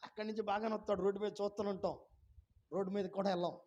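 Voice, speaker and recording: A male pastor with a high-pitched voice preaches to his congregation. He keeps firing questions at them and pressing them to call out their answers. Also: little pitch movement, racing, lo-fi sound. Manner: fires rhetorical questions at the congregation; urges listeners to answer loudly. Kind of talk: sermon. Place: church before a congregation.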